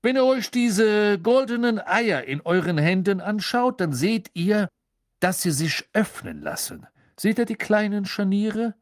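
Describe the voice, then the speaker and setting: A man's voice: sits high, big pitch swings, a little slow, dry recording, clean studio sound, pitched above the performer's own voice. A man voicing a cheerful middle-aged official who makes announcements in a raised, bouncy voice. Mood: jovial.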